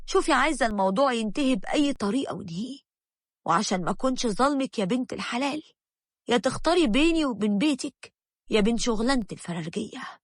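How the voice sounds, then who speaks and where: A woman reading the part of a stubborn, irritable Egyptian husband in a storybook tale, curt and scornful in every line. Her voice stays fairly high rather than dropping, recorded close and dry. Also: lively intonation, fast talker, dry recording. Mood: scornful, angry.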